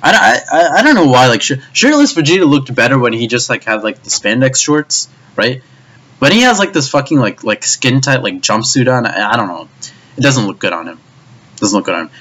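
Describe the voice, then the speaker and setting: A man's voice: mid-range voice, sing-song, a little fast, fairly bright tone. A man giving an anime review as a frustrated, profane rant, stammering and repeating himself as he goes. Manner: frustrated, stammering, swears often.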